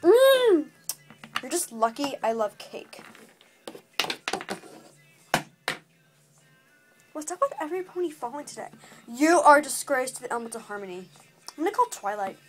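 A woman's voice: sits high, big pitch swings, a little fast, over music. A woman voicing a bossy, greedy female pony princess in a toy play-acting video, blustering and threatening. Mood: scolding.

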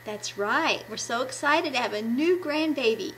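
Recording on an arm's-length webcam in a small room at home, a woman in her fifties presents an enthusiastic devotional talk for children as a puppet ministry presenter. Her high, bright voice has lively intonation at a moderate pace, over rough audio with a slight hiss or hum.

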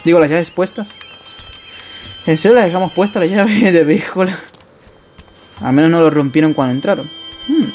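A man with an Argentine accent and a high voice talks through a horror game as he plays it. He is jumpy and excitable, breaking into yelps, laughs and casual swearing. Faint game music runs underneath. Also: normal speed, pauses often. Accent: Argentine Spanish. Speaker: gameplay streamer. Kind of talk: live horror game commentary.

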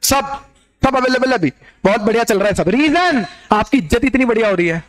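A man with a high voice lectures a class as an exam coach. He teases his students and keeps throwing rhetorical questions at them, like a classroom talk. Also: animated, brisk. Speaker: exam-prep teacher.

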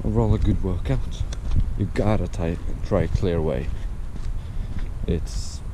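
Young male fitness vlogger, deep voice, laid-back and plain-spoken, heavy background noise. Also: slow pace. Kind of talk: casual gym vlog. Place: gym, then outdoors.

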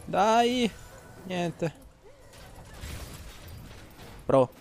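A man's voice: high voice, expressive, very slow, creaky, soft background music. A man, streaming gameplay and ranting at his chat, swearing freely and teasing. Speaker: game streamer. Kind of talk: casual live-stream gameplay commentary.

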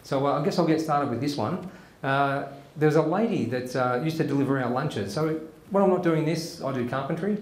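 A man hosts a small comedy show and tells jokes casually, rambling with plenty of fillers. His voice sits a little high. The sound is echoey, as if from a bare room. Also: fairly quick, hardly any pauses. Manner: chatty, rambling, many fillers. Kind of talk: casual stand-up joke telling.

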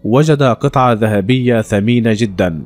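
A man narrating a religious moral story in a steady, plain storytelling way, at times addressing listeners as friends. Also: mid-range voice, moderate pace.

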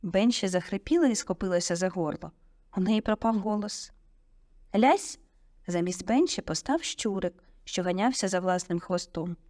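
A woman narrating an audiobook in a vivid, expressive storytelling manner on a close studio mic. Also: fairly low pitch, normal speed, no echo.

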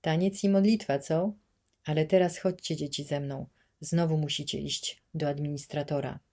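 A woman's voice: low voice, fairly even intonation, moderate pace, warm tone. Friendly jolly jail guard, audiobook, a woman reads him. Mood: jovial. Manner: jovial, laughing tone. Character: softened, good-humored male prison guard.

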